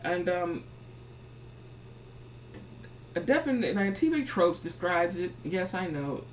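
A woman's voice: lowish voice, normal speed, rough recording. Woman hosting a chat, reads a passage then rambles and restarts, faint hum behind. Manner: animated, rambling with restarts and laughs. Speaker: podcast host. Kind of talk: casual commentary with scripture reading.

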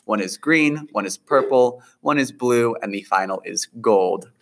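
Slow-talking male game master. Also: medium pitch, fairly bright tone. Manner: unhurried, with fillers. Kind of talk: narrating a tabletop game.

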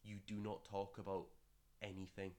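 A man's voice: fairly low pitch, monotone, moderate pace, warm tone. A young man hosting a podcast in casual chat, rambling, correcting himself and swearing offhandedly. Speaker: podcast host.

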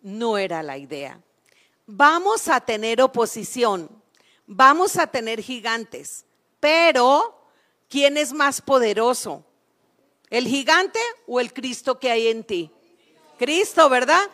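A woman's voice: on the high side, animated, slow, bright, forceful tone. A woman preacher. She is emphatic and calls out questions to her congregation. Now and then she acts out the voices of everyday people. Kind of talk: sermon.

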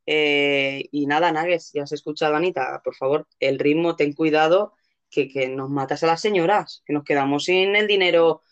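A woman's voice: deep voice, steady tone, normal speed, clean tone. A woman with a Castilian Spanish accent hosting a casual live show, chatty, playful and given to exclamations. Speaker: host. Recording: dull, lo-fi audio.

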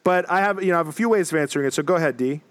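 Male podcast co-host, slightly high, smooth voice, dry close sound, chatty and joking. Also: rapid-fire, no echo. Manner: chatty, joking, talks in long run-on sentences. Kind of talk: casual podcast chat.

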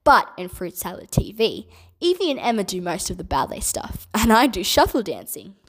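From home, a children's entertainer in her twenties with an Australian accent answers kids' questions, bubbly, enthusiastic and gentle. She talks at a moderate pace in a medium-pitched voice with big pitch swings.

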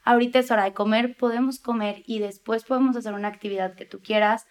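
A woman's voice: fairly high pitch, steady tone, fast. A woman, a child therapist explaining parenting in an interview, often acting out what parents and children say. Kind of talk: advice interview.

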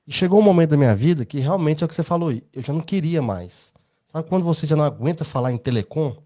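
Brazilian male co-host, mellow warm tone, casual rambling storyteller, Brazilian accent. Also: fairly high pitch, animated, fast. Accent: Brazilian Portuguese. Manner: anecdotal, rambling, tag questions. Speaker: podcast co-host. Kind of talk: casual podcast chat.

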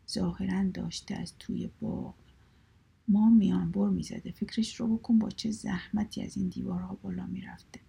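A woman reading a story aloud in a soft whisper. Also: medium pitch, vocal fry, husky.

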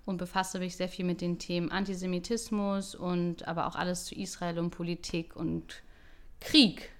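A woman in her thirties from Germany, co-hosting a casual podcast chat in a lively, earnest way. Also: on the low side, normal speed. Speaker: podcast co-host.

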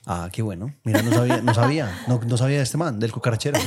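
A man's voice: medium pitch, wildly swooping pitch, over a noisy crowd. A Colombian man co-hosting a podcast, chiming in with short teasing remarks. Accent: Colombian Spanish. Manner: teasing, quick interjections. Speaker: podcast co-host. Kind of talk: casual chat.

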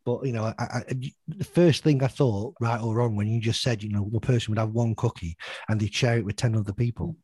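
A man's voice: medium pitch, fairly quick, a little mellow, slightly rough, dry recording. A man hosting an interview podcast, talking in a friendly way and often repeating words as he searches for them. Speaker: podcast host.

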